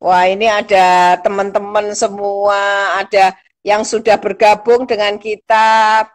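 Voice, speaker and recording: A woman's voice: mid-range voice, little pitch movement, unhurried. A middle-aged woman, a lecturer hosting a casual live-stream chat, encouraging and chatty, with frequent fillers and small laughs.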